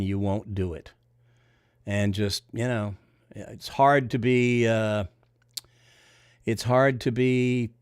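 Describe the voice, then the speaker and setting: Older male bowling coach, Missouri accent, deep nasal voice, casual folksy livestream chatter, dry sound. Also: a little mellow, no room sound. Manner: folksy, rambling, reads comments aloud and answers them. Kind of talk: casual livestream chat reading viewer comments.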